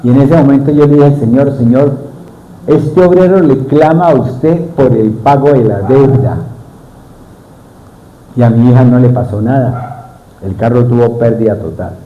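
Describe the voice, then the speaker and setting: A man's voice: mid-range voice, moderate pace, long pauses, dull audio, slight background noise. A middle-aged man preaching a sermon, often putting questions to his congregation.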